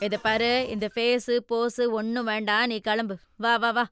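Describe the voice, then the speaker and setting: A woman's voice: a little high, little pitch movement, moderate pace, lightly acted. An actress playing a scheming, domineering middle-aged mother in a Tamil Nadu Tamil television serial, speaking in a dismissive, commanding way. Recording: music score underneath.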